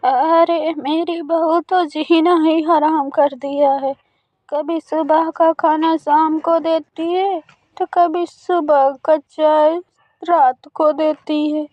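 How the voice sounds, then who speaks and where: A woman voicing a slow, grumbling old crow lady. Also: high voice, fairly even intonation, no echo, muffled recording. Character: elderly female crow, complaining slowly about her daughter-in-law.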